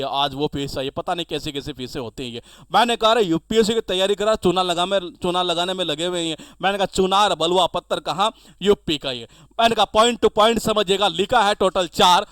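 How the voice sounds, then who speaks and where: High-voiced chatty teacher. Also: male voice, a bit bright, no echo. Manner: chatty, acts out little dialogues, repeats "ye". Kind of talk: exam-prep lesson with memory tricks.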